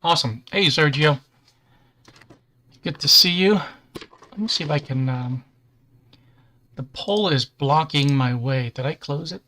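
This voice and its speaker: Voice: mid-range voice, a little slow, long pauses, pushed and bright. A host chatting casually on a livestream while building a model kit, easygoing, with dry self-deprecating humor.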